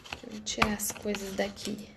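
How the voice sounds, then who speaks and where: A woman's voice: medium pitch, monotone, moderate pace, vocal fry, heavy background noise. Chatty woman greeting stream viewers. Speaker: live stream host, therapist. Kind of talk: casual live stream chat.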